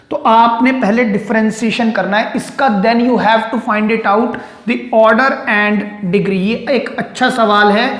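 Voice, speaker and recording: A woman's voice: on the high side, a bit bright, echoey room. A woman teaching a math lesson, explaining each step and often checking whether her students follow.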